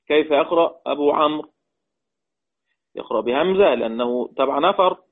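A man with an Egyptian Arabic accent teaching Quran readings in class, quizzing his students and slowly chanting each reading. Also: fairly high pitch. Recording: tinny phone-like recording.

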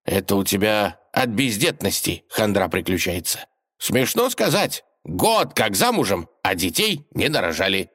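A sleepy old storybook tsar, played by a male reader, who blusters and grumbles at his daughter. His voice sits low and drowsy. He tries to sound stern and never quite manages it. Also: sing-song, a little slow, a bit bright, heavily acted. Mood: grumbling. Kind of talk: audiobook character voice.

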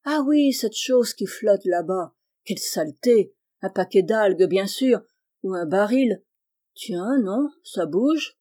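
A woman's voice: medium pitch, expressive, slow, warm tone. A woman reading aloud, voicing a fussy, timid middle-aged husband who frets in a prim, anxious way. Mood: muttering.

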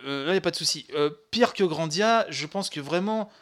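A man co-hosting a podcast, chatting in a halting way with many restarts and fillers. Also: a little high, fairly bright tone. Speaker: podcast co-host. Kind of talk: casual chat about retro games.

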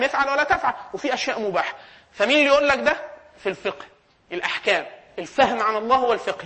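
A man with an Egyptian Arabic accent giving an Islamic studies lecture, animated, constantly asking and answering his own questions. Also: sits high. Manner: rapid, animated, rhetorical self-questioning.

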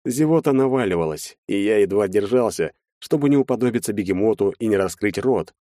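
A man reading a first-person audiobook in steady, measured storytelling on a close mic. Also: lowish voice, dry recording. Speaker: audiobook narrator.

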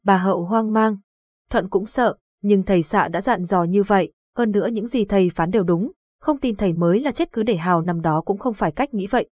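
A woman narrates a horror audiobook in a steady, measured storytelling manner. Her voice sits at an ordinary pitch. The recording is dry and close. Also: husky, dry recording.

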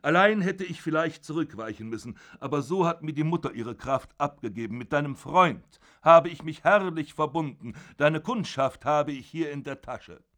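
A man's voice: on the high side, lively intonation, normal speed, few pauses, voice pushed up. Man playing a raging old father. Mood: scornful. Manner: shouting, scornful, triumphant.

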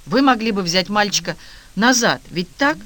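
A man's voice: high-pitched, animated, normal speed, bright, forceful tone, pitched above the performer's own voice. A man reading the lines of an anxious, insistent female pediatrician who speaks urgently. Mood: worried.

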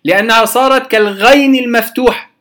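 A man's voice: extremely high pitch, fast, sharp tone. A man with an Egyptian accent giving a recorded lesson on Quran recitation, explaining rules through questions he answers himself and stretching out example words. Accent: Egyptian Arabic. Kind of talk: recorded lecture on tajweed.

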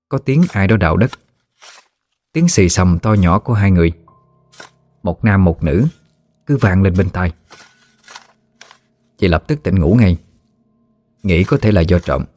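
A man narrating a scripted horror story in a steady, even storytelling manner. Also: sits low, no room sound. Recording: dry studio voice-over with faint music.

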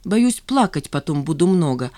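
A woman reading an audiobook, voicing a proud, sharp-tongued young woman. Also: low voice, sing-song, normal speed, no echo, studio quality. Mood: bitter, haughty. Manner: haughty, cutting retorts.

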